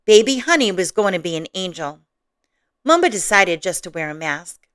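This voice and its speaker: A woman's voice: on the low side, big pitch swings, normal speed, fairly bright tone, clean tone, no room sound, studio quality. A woman hosting a children's story channel, reading aloud expressively and chatting with her listeners. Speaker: storyteller host.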